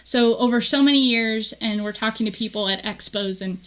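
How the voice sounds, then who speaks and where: A woman's voice: a little high, a little fast, poor audio. A woman co-hosting a casual gospel discussion, talking earnestly and acting out the people she quotes. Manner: earnest, animated retelling with quoted voices. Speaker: co-host.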